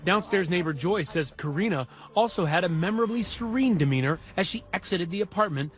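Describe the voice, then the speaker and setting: A man narrating a television news investigation in a measured, dramatic scripted delivery. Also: high-pitched, expressive. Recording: music bed under voice.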